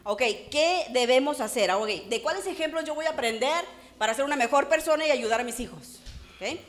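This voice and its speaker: A woman pastor preaching a sermon in church, animated and acting out the voices she quotes. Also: high-pitched, brisk.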